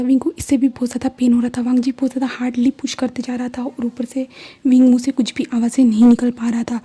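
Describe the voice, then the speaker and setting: A woman narrating a fan fiction story in Hindi-English, in a soft, often whispered voice. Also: on the high side, husky.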